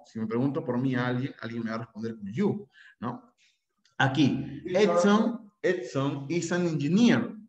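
A Peruvian man lecturing pre-university students on English grammar, chatty and often checking in with them. His voice sits in a middle register. The sound is roomy and a bit dull, like a class recording. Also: medium pitch. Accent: Peruvian Spanish. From Peru. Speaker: English teacher.

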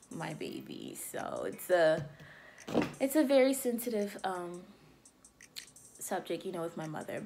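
A woman's voice: sits low, creaky, darkish tone, slight background noise. A woman from Liberia talking casually to camera as a beauty vlogger, chatty and loose with frequent "um" and "you know".

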